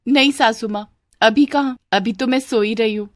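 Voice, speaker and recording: A woman voicing a cheeky young newlywed daughter-in-law in a cartoon story, teasing and quick with back talk. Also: a little high, no echo, clean studio sound, lightly acted.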